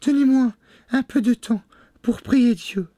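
Storybook figure: a terrified young wife put on by a man, high pleading falsetto, dry close sound. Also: a little slow, mellow, dry recording. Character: young, frightened, pleading noblewoman. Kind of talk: storybook reading.

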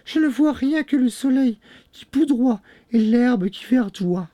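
Storybook figure: a young sister on watch voiced by a man, high falsetto, calling out, dry sound. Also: expressive, measured pace, mellow, no echo. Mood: anxious. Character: young woman, anxious sister keeping watch. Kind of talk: storybook reading.

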